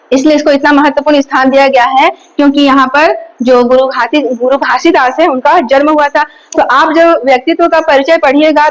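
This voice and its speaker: High-voiced woman teacher. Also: rough recording. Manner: explanatory, repeats key points and asks rhetorical questions. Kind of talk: exam coaching lecture.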